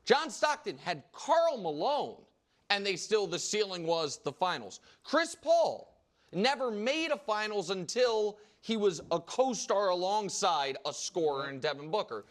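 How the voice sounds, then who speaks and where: A man hosting a studio sports debate, arguing his point with quick restarts and energy. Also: sits high. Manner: animated, argumentative, quick restarts.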